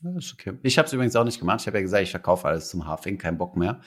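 A man's voice: deep voice, big pitch swings, rapid-fire, fairly bright tone. A man co-hosting a casual podcast, rambling along with lots of fillers and restarts. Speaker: podcast co-host.

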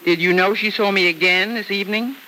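A woman's voice: mid-range voice, brisk, bright, forceful tone, close to an everyday voice, rough recording. An American actress playing a stern, threatening woman in an old-time radio serial, clipped, formal and pointed. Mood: pointed, firm. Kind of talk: old-time radio soap opera acting. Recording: old radio recording, faint noise.

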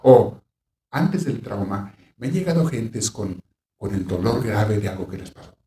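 A man giving a reflective, faith-based counseling talk. He shifts between lively bursts that act out panicked reactions and a gentle, reassuring tone. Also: on the low side. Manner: animated, acts out panicked reactions in quick bursts; gentle, reassuring when voicing comfort. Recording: roomy sound, voice from a distance.

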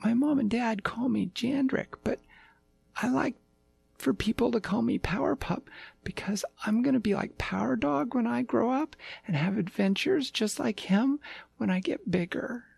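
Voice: medium pitch, normal speed, creaky, darkish tone, husky, no room sound, voice pushed up. A storyteller doing a chatty little lost puppy. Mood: eager. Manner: rambling, run-on sentences. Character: small lost male puppy, eager and chatty.

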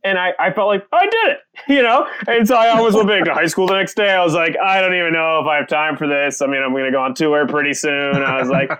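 A young man, a comedian, telling stories on a podcast in a casual, animated way, laughing and swearing freely. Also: fairly high pitch, fast talker, few pauses, smooth. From United States. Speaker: comedian guest.

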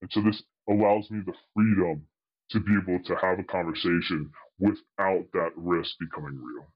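Anonymous male guest, disguised altered voice, lowish, muffled, halting with fillers. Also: fairly even intonation. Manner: hesitant, many fillers and restarts. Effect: voice altered to disguise identity. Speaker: anonymous guest, tech specialist. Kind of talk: interview answers.

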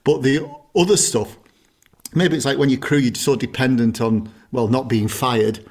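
A man's voice: medium pitch, steady tone, moderate pace, darkish tone. A middle-aged man, co-hosting a podcast and telling stories with frequent laughs. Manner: chatty storyteller, laughs often. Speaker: podcast co-host. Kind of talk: casual chat.

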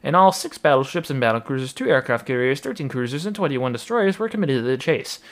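A man tells a naval history story in a loose, chatty way. He fills pauses with ums and uhs, corrects himself and drops dry jokes. His voice sits at an ordinary middle pitch. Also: very animated. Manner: rambling, many fillers and asides, wry humor. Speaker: history narrator. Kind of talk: casual history narration.

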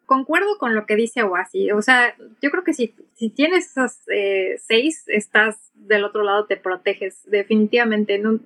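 A woman with a Mexican accent, an airline captain guesting on an interview, speaking thoughtfully in short, halting phrases. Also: mid-range voice, fairly bright tone. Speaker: airline captain and aviation English instructor, guest. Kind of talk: casual interview conversation.

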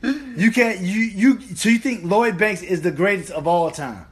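A man with a high-pitched voice co-hosts a casual, slangy discussion. He is excitable and tends to repeat words in bursts as he talks. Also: measured pace. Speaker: podcast co-host. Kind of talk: casual chat.

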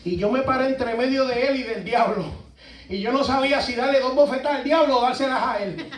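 A man preaching a sermon with fervent, repetitive emphasis that rises to shouting, heard in a church hall. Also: very high voice, brisk, background noise. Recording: echoey church from far off.

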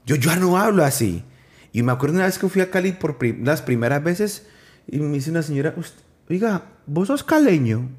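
A man's voice: fairly high pitch, very animated, a little mellow. Chatty Colombian-born man hosting a podcast. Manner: chatty, quick restarts, acts out quotes. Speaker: podcast host. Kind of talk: casual interview chat.

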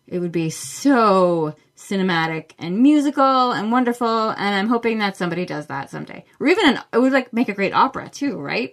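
A woman's voice: medium pitch, a bit bright. A woman hosting a book podcast, chatting casually and enthusiastically as she answers listener questions. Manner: chatty and enthusiastic, with many fillers. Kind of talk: casual solo podcast talk.

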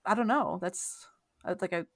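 A woman's voice: fairly low pitch, moderate pace, no echo. A woman in her thirties co-hosting a casual podcast, talking bluntly and swearing freely. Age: 30s. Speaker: podcast co-host.

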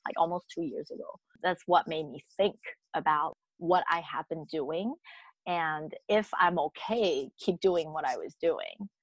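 A woman in her thirties, a mother whose first language is Mandarin, speaks with a Taiwanese accent in a fairly low voice during a casual interview chat. She talks reflectively, with many fillers and restarts. The low-quality recording has no echo.

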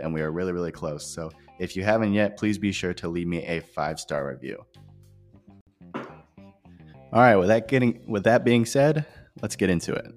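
A man hosting an informal scripted podcast, explaining things directly to listeners, his voice echoing in a bare, unfurnished office. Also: low-pitched. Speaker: podcast host. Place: new empty office without furniture. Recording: echoey empty office, music behind.

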